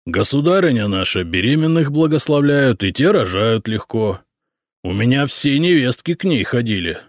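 A man reading an audiobook, voicing a calm, stubborn old boyar who answers in a level, dignified way. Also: mid-range voice, no room sound, studio quality, pitched above the performer's own voice, lightly acted. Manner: level, dignified, unhurried replies.

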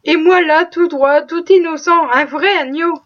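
A woman voicing a sly, boastful male stable hand who exclaims loudly and plays innocent, in a storybook reading. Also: extremely high pitch, a little slow, voice pushed up. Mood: gleeful. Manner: exclaiming, mock-innocent, excitable. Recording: dull lo-fi recording.

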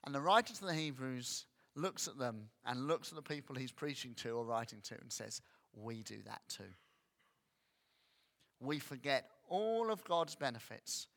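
A man preaching a sermon, animated and acting out grumbling voices. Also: medium pitch, normal speed, creaky. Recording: long hall reverb.

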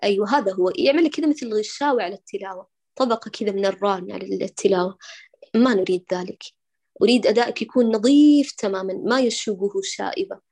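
A woman teaching Quran recitation, patiently correcting a student and slowly demonstrating throat letters. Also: mid-range voice, a little mellow. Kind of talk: online recitation correction lesson.

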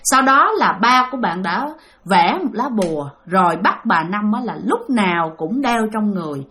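A woman's voice: medium pitch, lively intonation, normal speed, sharp tone. A woman with a Southern Vietnamese accent narrating a ghost story in a chatty way, talking directly to her listeners.

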